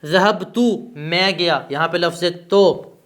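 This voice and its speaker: Man teaching a grammar lesson, slightly high. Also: fairly even intonation, fairly bright tone, clear, resonant tone. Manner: asks questions and answers them himself; stresses terms with rising pitch.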